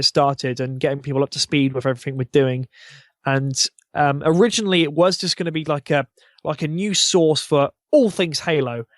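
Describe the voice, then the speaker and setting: There's no room sound around this man's voice, which runs on the high side. A YouTube channel founder on a podcast, he talks casually about a gaming channel, rambling informally with enthusiasm.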